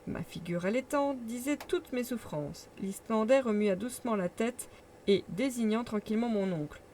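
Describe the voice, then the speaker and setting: A woman narrating a classic novel as an audiobook, reading in a measured, expressive way. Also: on the high side, a little hiss or hum. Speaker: audiobook reader.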